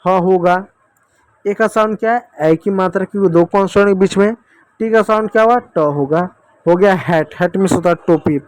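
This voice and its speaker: A man's voice: high-pitched, normal speed, clean tone, no echo. A man teaching children English phonics, patiently asking questions and answering them himself. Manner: repeatedly addresses kids as dear children.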